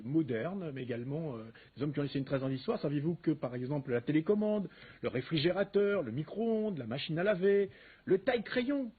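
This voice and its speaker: A man in a radio interview, hesitant at first, then animated as he lists items. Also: medium pitch, breathy edge. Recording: narrow phone-like audio.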